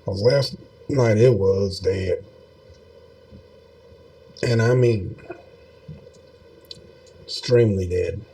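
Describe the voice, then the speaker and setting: A man's voice: fairly low pitch, mellow. A man giving casual, rambling video commentary in a folksy, meandering way, with many fillers. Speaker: video host.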